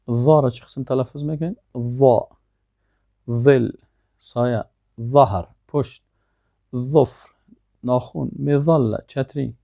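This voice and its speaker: A man's voice: medium pitch, vocal fry, warm tone, dry recording. A man teaching Arabic, reading drill phrases aloud and explaining each one in a patient lesson. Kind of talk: language lesson.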